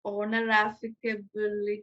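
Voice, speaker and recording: A woman's voice: medium pitch, monotone, drawn-out words, a bit bright, muffled recording. A woman with a Malayali accent teaching an online English class over a video call, mixing English and Malayalam with frequent hesitations. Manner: switches between English and Malayalam, hesitant fillers.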